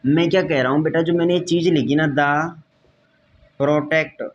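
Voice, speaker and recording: In a muffled recording with a bit of hiss or hum, a man lectures on science at a whiteboard, his voice on the high side with fairly even intonation and a fairly quick pace. He keeps repeating points, says "beta" to his students, and often asks if they've understood.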